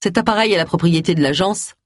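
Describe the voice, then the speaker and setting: A reader voicing a grave, calm older male detective who used to be a cop, in an audiobook. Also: high-pitched, quick pace, no room sound, clean studio sound.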